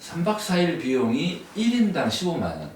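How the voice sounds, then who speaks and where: A man speaking as a guest author in a relaxed, conversational way, unhurried and thinking aloud with fillers. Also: fairly high pitch. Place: book cafe. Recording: roomy distant sound, faint noise.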